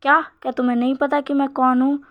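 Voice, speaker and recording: A woman voicing a cold, possessive young man who demands answers, in her own fairly high voice. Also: little pitch movement, fast talker, dull audio, close to an everyday voice.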